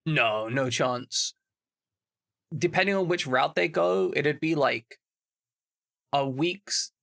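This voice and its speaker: A man's voice: medium pitch, creaky, a bit bright. A man narrating as game master of a tabletop game, chatty and full of asides. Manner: explains at length, chatty with many asides.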